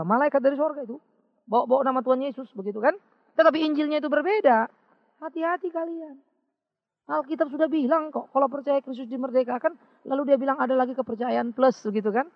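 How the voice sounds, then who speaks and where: A man's voice: extremely high pitch, creaky, big-room sound. A male pastor giving a conversational sermon, full of rhetorical questions and emphatic scolding exhortations. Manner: conversational preaching with rhetorical questions and teasing asides. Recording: dull lo-fi sound.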